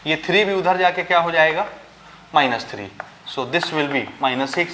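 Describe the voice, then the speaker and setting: A man's voice: a little high, measured pace, heavy background noise. Man teaching maths, quizzing his class. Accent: Chhattisgarh Hindi. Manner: asks the class questions and answers them himself; mixes English maths terms into Hindi. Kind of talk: board-style maths lesson.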